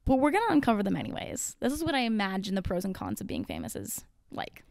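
A woman's voice: mid-range voice, wildly swooping pitch, quick pace, gravelly, darkish tone, dry recording, studio quality. A young woman in her twenties hosting a casual solo podcast, rambling and chatty with plenty of fillers and the odd swear, a little out of breath. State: out of breath from caffeine. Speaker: podcast host.

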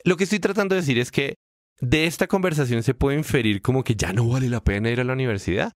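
A man talks through ideas on a casual podcast, his voice jumping up in pitch when he stresses a point. His mid-range voice sits close to the mic with a dry, dead sound and no room around it. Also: quick pace, no room sound. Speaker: podcast co-host.

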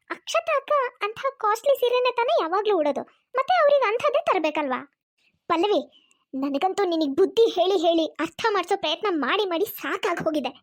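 A woman voicing an older mother-in-law in a cartoon, speaking slowly and reproachfully. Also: very high-pitched. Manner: slower, reproachful.

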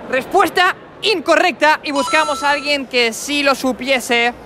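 In a convention hall with a noisy background, a brash young man hosts a street quiz in a very high voice, with fairly even intonation and a measured pace. His teasing is mocking and full of playful insults, and he uses a handheld mic with a furry windscreen.

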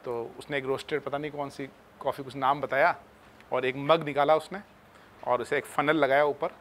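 A man's voice: medium pitch, fairly even intonation, moderate pace, a bit bright, slight background noise. A man teaching chemistry in a casual, chatty way, talking to his students like friends. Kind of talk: casual classroom talk.

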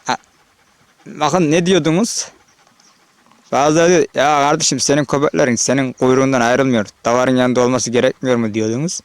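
A man's voice: medium pitch, steady tone, normal speed, dry recording. Guy out herding on a hillside, talking to his camera, easy chatty tone. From Turkey. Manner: chatty, addresses viewers directly, calls out to animals. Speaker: shepherd vlogger. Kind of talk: casual outdoor vlog narration. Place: open hillside pasture outdoors. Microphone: handheld or body-worn camera.

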